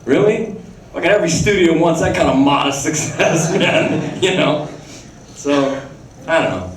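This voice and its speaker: A man's voice: on the high side, lively intonation, a little slow, slight background noise. A man telling casual anecdotes at a fan Q&A, swearing freely, laughing and restarting his sentences. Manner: profane, laughing, restless storyteller with many restarts. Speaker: guest actor at a fan Q&A. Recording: echoey hall from far off with ambience.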